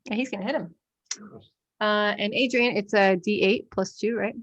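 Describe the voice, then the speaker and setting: Woman game master, casual and chatty, narrates tabletop combat in a relaxed, everyday voice. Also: medium pitch, moderate pace, lo-fi sound. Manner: casual, laughs often, swears.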